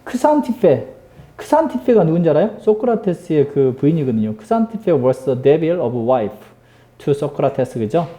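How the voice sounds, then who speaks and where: A man's voice: fairly high pitch, sing-song, unhurried, mellow. A middle-aged man teaching an English grammar lesson, joking and teasing his students with constant rhetorical questions. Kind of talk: lively classroom lecture.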